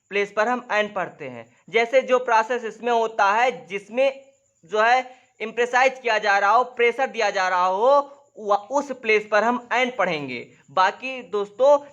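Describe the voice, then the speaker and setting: A man teaching English grammar in a lesson, who keeps calling the viewers "friends", asks if they follow, and spells out example sentences slowly, word by word. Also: high-pitched, fairly bright tone, highs cut off. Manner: repeats "dosto" and "theek hai" constantly, drawing on a board. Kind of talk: classroom-style grammar lesson.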